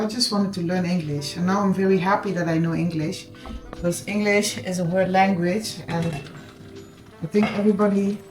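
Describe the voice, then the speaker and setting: This cooking vlogger is a Dutch-accented woman from the Netherlands, a native Dutch speaker and mother, with a mid-range, darkish voice. She chats casually and directly with her viewers while cooking at home, weaving in Dutch words. Background music and kitchen echo fill the recording.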